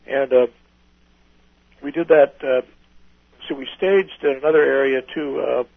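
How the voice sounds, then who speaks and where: A man's voice: mid-range voice, fairly even intonation, measured pace, creaky, no room sound, narrow, tinny audio. An older man, a retired pilot, telling folksy, rambling stories in an oral history interview, restarting his sentences often.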